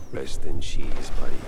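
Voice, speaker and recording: An actor playing a weary, hard-boiled male mouse private eye in a video game, terse and gruff. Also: a bass voice, heavily acted. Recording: game audio with clear ambient noise.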